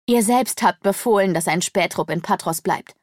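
A woman's voice: medium pitch, normal speed, a little mellow, dry recording, studio quality, close to an everyday voice. A woman doing a humble, pleading female servant. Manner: pleading, deferential.

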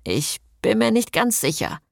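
Audiobook cast note: calm earnest ex-priest man, read by a woman, low-key, lively pitch. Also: unhurried, creaky, no echo, studio quality, full character voice.

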